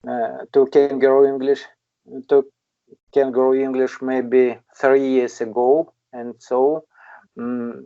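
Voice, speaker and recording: An older man from Kalmykia, Russia, whose first language is Kalmyk, chats casually in an online English conversation group. He speaks slowly and haltingly with many long hesitations, in a warm, medium-pitched voice. The online call sounds muffled and dry.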